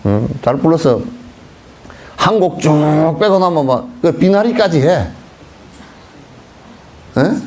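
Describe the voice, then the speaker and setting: Folksy, lively-voiced monk telling stories. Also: male voice, fairly high pitch, slow, pauses often. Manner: folksy storytelling, acting out beggars' songs and dialect. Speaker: Buddhist monk giving a dharma talk. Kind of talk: casual sermon.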